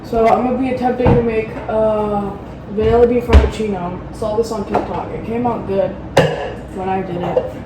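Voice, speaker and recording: A woman's voice: medium pitch, steady tone, normal speed, far from the mic. A woman vlogging casually at home, rambling and poking fun at herself with plenty of ums. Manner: rambling, self-mocking, lots of ums. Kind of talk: casual cooking vlog chat. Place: home bathroom and kitchen. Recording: roomy, from off-mic, household noise.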